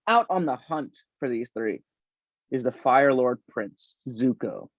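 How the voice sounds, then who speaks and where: A man chatting casually as a podcast guest, animated and rambling, laughing often. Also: mid-range voice, unhurried, dry recording. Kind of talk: casual chat. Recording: dull, dry lo-fi sound.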